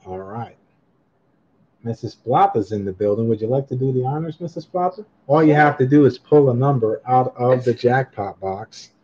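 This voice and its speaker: A man's voice: medium pitch, lively intonation, normal speed, a little mellow, breathy edge. A man hosting a coin auction livestream in casual chat, upbeat, reading chat comments aloud and laughing often. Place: indoor room at a table with coins, voice off camera. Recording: slightly dull lo-fi webcam audio.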